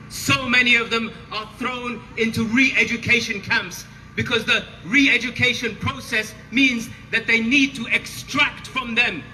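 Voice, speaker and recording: A man delivers a roaring, impassioned rallying speech in a high-pitched, piercing voice. He is emphatic and leans on rhetorical questions. The sound is reverberant, with noise behind him. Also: sharp tone. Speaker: protest speaker, former prisoner. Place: outdoors at a street protest. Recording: noisy outdoor rally, reverberant amplified voice.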